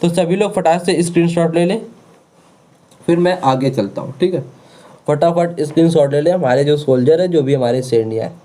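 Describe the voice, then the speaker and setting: Man drilling a grammar lesson, mellow voice. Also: on the high side, normal speed. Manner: repetitive, drilling words over and over; checks in with rhetorical questions. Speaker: teacher.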